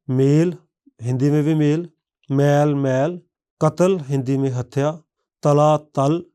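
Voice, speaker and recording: A man narrating a scripted language lesson, reading word lists one by one in a measured way. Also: medium pitch, a little mellow, smooth. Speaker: language teacher.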